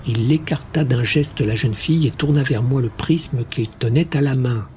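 A man narrating a first-person science fiction audiobook in a measured, steady reading. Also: medium pitch, slight background noise.

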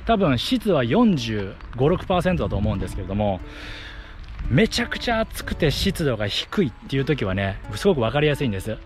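Out on a field-side path, the running vlogger and trainer talks to his arm's-length action camera mid-run, breaking his explanations into short phrases. His mid-range voice is very animated and a bit fast, set against soft background music.

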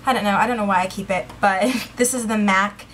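A woman's voice: medium pitch, fairly even intonation, brisk, fairly bright tone, slight background noise. A woman chatting casually through a makeup review, a little out of breath, full of fillers and enthusiasm, recorded indoors on a camera mic. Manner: chatty, filler-heavy, enthusiastic about products. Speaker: beauty vlogger.

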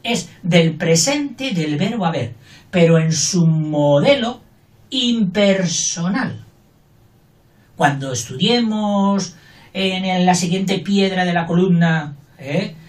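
A man's voice: high-pitched, far from the mic. An older man gives a casual, playful grammar lesson. He talks in a chatty way and acts out little everyday scenes. He sits back from the microphone in a roomy, echoing space. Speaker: teacher. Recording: roomy, voice from off the mic.

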